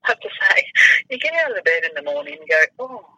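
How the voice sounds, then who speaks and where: Middle-aged woman, casual and wry, halting starts, very sharp bright tone. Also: lowish voice, very animated, dry recording, highs cut off. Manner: hesitant starts, repeats words, wry. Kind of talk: casual chat.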